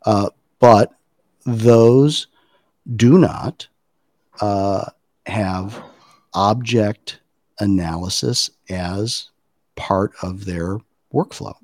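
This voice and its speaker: A middle-aged man with a very low voice talks through design methods in a relaxed podcast chat. He explains at length and thinks aloud, with fillers and restarts. The sound is dry and close. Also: extremely slow, long pauses, dry recording. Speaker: podcast guest, design practitioner. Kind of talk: casual conversational podcast.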